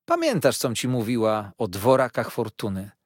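A man's voice: mid-range voice, wildly swooping pitch, moderate pace, no echo. A man reading an audiobook voices a stern, brusque older aunt who speaks in a dry, commanding way.

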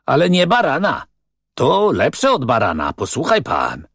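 A man's voice: medium pitch, huge pitch swings, a little slow, fairly bright tone, slightly rough, dry recording, studio quality, pitched above the performer's own voice, exaggerated voice. A man reading as a cocky, scornful young man who talks in a brash, dismissive way.

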